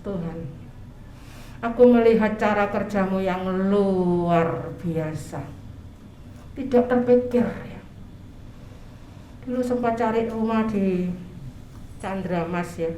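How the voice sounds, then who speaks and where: An older woman delivers an animated, chatty sermon, often acting out prayers in a lifted voice. Her voice sits fairly high for a woman. The recording rings with the echo of a church room over a faint background hum. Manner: animated, acts out prayers in a raised voice, chatty asides. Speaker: preacher.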